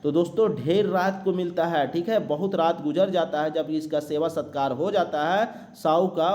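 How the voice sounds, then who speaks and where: A man teaching an exam-prep lecture. He reads each question slowly, then explains the answer step by step. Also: on the high side, a little mellow. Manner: explains step by step, frequent "ठीक है" and "दोस्तों".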